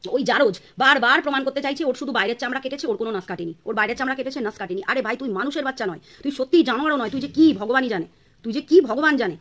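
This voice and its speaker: A woman's voice: high voice, fairly bright tone. A woman vlogger from Bangladesh delivering an angry, insulting rant to camera. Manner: scolding, insulting, rapid-fire.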